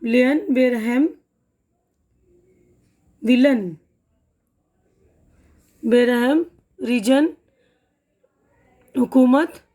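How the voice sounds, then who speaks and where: A woman's voice: high voice, dark tone. A woman with a Pakistani Urdu accent teaching English vocabulary and pronunciation, patiently reading word lists aloud and checking in with her students. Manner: patient, repeats words slowly, checks in with "theek hai na".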